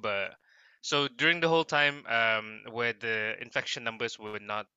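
A man's voice: mid-range voice, normal speed, sharp tone, clear, resonant tone, no room sound, lo-fi sound. A man from Brunei, co-hosting a podcast in an easygoing way and laughing often. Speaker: podcast co-host and teacher. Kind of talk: casual podcast banter.

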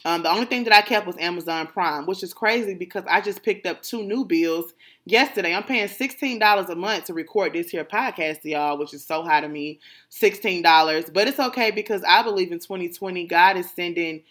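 A woman's voice: lowish voice, brisk, a bit bright. A woman hosting her podcast, speaking in casual motivational chat with emphatic, preachy affirmations. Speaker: podcast host.

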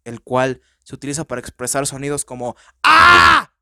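A man with a Mexican accent hosting a podcast, rambling through a casual, profane, excitable movie-review monologue. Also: mid-range voice, fast, no echo, clean studio sound. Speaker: podcast host.

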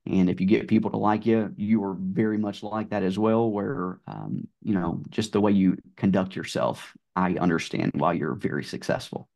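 A middle-aged man with a Southern drawl, telling his car sales story in a relaxed podcast chat full of fillers. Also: low voice, moderate pace, creaky, few pauses. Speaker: guest, car sales manager. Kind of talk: casual podcast conversation.

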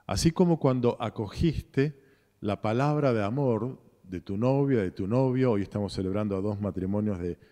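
A man with a low, mellow voice and a Rioplatense Argentine accent preaches a slow, reflective homily, going back over his phrases with pauses between them. His voice rings through a long cathedral reverb. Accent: Rioplatense Spanish. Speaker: parish priest. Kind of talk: sermon.

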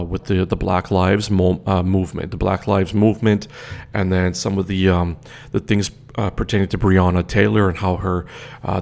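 Low, creaky and a touch mellow, this Canadian man's voice drives his own podcast, where he offers opinionated commentary alone at a desk microphone. He speaks with emphasis, stumbling into restarts and fillers often.

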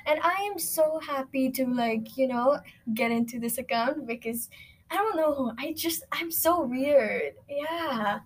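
A woman's voice: sits high, a little slow. A teenage girl talking casually into a recording, rambling and reflective with lots of fillers. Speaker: student.

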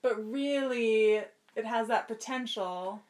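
A woman talking casually and informally as a podcast guest, telling things in an animated way. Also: a little high, slow pace, a little hiss or hum. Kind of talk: casual chat.

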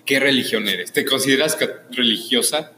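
Bright-voiced man, echoey room. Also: mid-range voice, normal speed, a little hiss or hum. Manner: chatty and encouraging, says "qué padre" a lot. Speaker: interviewer. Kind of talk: casual interview.

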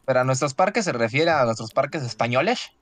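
A man's voice: medium pitch, animated, fast, a bit bright, dry recording. Sarcastic mexican guy mocking his friends during a quiz. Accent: Mexican Spanish. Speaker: quiz player. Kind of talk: casual banter among friends.

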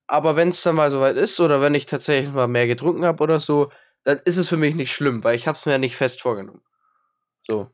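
Here a young man, sick with a cold, rambles through casual podcast chat at a quick pace, his fairly high voice broken by many hesitations and self-deprecating jokes.

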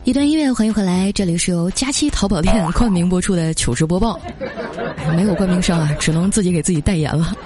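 A woman's voice: lowish voice, fast talker, crowd noise. A young woman hosting a podcast, reading funny everyday anecdotes in a chatty storytelling manner, with light music underneath. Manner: chatty storytelling with lively quoted voices. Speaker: podcast host.

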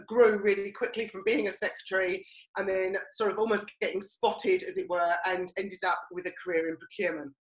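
A woman's voice: medium pitch, fairly bright tone. A middle-aged woman with an Essex accent, co-hosting a podcast and telling personal stories in a conversational way. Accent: Essex English. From Romford, Essex, England. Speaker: podcast co-host. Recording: roomy, echoey sound.

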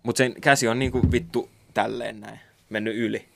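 Gravelly-voiced young man rambling casually. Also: on the low side, flat delivery, background noise. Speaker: podcast co-host. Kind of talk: casual chat.

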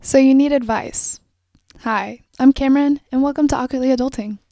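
A woman's voice: high-pitched, fairly even intonation, a little fast, mellow, no room sound, studio quality. A young woman in her late teens hosting a casual solo podcast, rambling and reflective with frequent fillers. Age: young adult. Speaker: podcast host. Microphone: phone and microphone.

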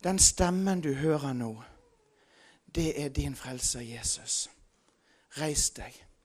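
A preacher voicing a gentle divine male figure, in a soft, low, hushed tone within a dramatized sermon story. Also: lively intonation, lightly acted.

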